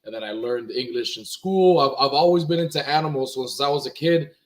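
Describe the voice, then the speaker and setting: A man's voice: mid-range voice, brisk. Laid-back Miami man, rambling chat. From Miami, Florida. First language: Spanish. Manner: laid-back, rambling, many fillers and restarts. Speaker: guest. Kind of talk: casual interview talk.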